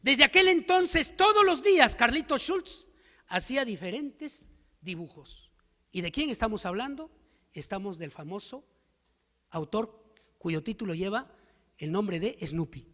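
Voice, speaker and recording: A man's voice: high voice, lively intonation, a little slow, pauses often, bright, forceful tone. A man giving an emphatic seminar lecture to teachers, full of rhetorical questions and stories. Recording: long hall reverb.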